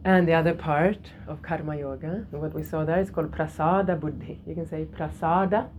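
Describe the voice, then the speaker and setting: A middle-aged woman leads a spiritual yoga lesson for a class, her voice sitting a little low. She speaks gently, repeats her key phrases and laughs softly now and then. Faint room noise hums behind her. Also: fairly even intonation, brisk. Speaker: yoga teacher.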